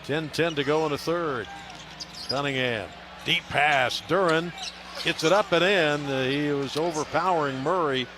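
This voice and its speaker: An American radio announcer calls live basketball play-by-play in short, clipped phrases, his voice fairly high and a little slow. Loud arena noise and a bouncing basketball fill the background.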